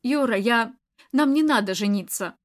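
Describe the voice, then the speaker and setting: Audiobook heroine: frightened, defiant young woman, high tense voice, read by a woman. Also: moderate pace, lightly acted. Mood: tense, fearful. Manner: pleading, then shouting in distress.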